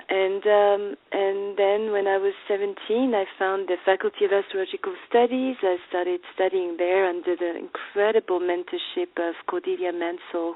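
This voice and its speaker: A woman from Finland, a guest astrologer, telling the story of her life in an interview and laughing as she goes. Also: mid-range voice. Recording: dry, phone-like audio.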